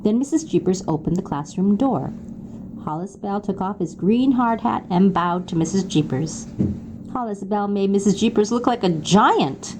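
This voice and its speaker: A woman narrating a children's chapter book aloud with an expressive reading manner. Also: mid-range voice, normal speed, background noise. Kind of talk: storybook read-aloud.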